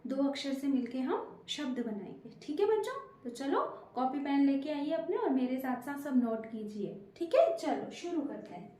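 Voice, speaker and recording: High-voiced teacher woman in an echoey room. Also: big pitch swings, moderate pace, warm tone. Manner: sing-song, coaxing, asks children questions. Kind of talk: children's Hindi lesson.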